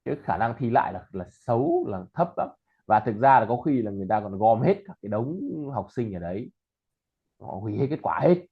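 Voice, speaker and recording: Over a tinny, phone-like connection, this English tutor chats casually before moving into a pronunciation lesson, explaining and repeating example words. His voice is on the low side, very animated and brisk, with a breathy edge.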